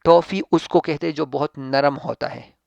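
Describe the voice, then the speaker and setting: A man teaching an English textbook lesson, explaining patiently and reading English sentences out slowly with emphasis. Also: a little high, steady tone, creaky, darkish tone, no room sound, lo-fi sound. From Pakistan. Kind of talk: classroom-style textbook lesson.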